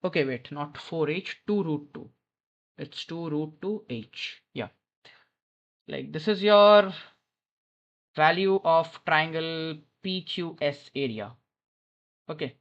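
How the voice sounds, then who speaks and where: A man with a slightly high, fairly bright voice talks slowly and pauses often as he tutors maths informally in an airport lounge. Using a headphone mic with a dull lo-fi sound, he thinks aloud and keeps correcting himself through the problem.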